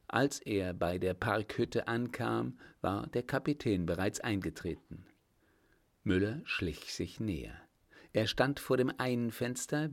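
A man calmly narrating an audiobook in a measured way. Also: on the low side.

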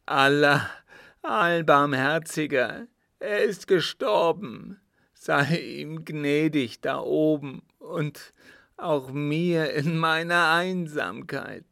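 A man's voice: takes it slowly, hardly any pauses, a bit bright, no echo, clean studio sound. A man reading a storybook voices a young man pleading and sobbing over his dead father. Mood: grief-stricken. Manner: sobbing, pleading, rising in pitch.

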